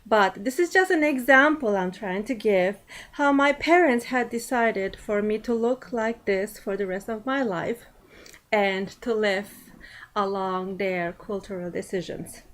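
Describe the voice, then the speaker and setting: A woman giving a prepared personal speech to an audience in a class setting, speaking deliberately with frequent pauses and fillers. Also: mid-range voice, rough recording.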